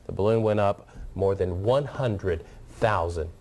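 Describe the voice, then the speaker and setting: A man's voice: low voice, a little slow, a little mellow. A man anchoring a TV newscast in a conversational, enthusiastic way. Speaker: news anchor. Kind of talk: studio news anchoring.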